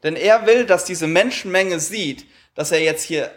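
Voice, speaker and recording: Guy translating a sermon live, a bit high voice, some ums as he goes. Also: measured pace. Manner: relays each line, with hesitations and fillers. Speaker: interpreter.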